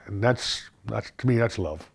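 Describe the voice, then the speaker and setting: An older man, interviewed for a news feature, who speaks softly and reads his own love notes aloud. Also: on the low side, unhurried, vocal fry, slightly rough. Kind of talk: interview and reading.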